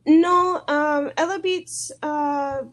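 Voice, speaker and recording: An American woman, a native English speaker just beginning French, practices conversation haltingly, shyly hunting for each word. Her voice sits high with a steady tone, and she speaks extremely slowly, sounding nervous and hesitant.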